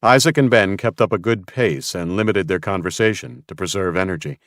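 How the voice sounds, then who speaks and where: A man narrating an audiobook in a steady, even reading voice. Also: low-pitched, brisk, no room sound, clean studio sound. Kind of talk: scripted narration.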